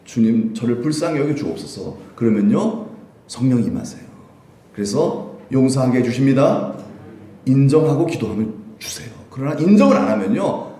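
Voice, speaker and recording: A man preaching a Sunday sermon as pastor, lively and conversational, often putting questions to the congregation. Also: medium pitch, normal speed. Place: church sanctuary. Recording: echoey church room.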